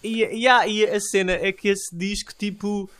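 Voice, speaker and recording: Slangy young man, fairly high voice. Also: flat delivery, moderate pace, crowd noise. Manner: slangy, filler-heavy, enthusiastic. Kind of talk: casual chat among friends.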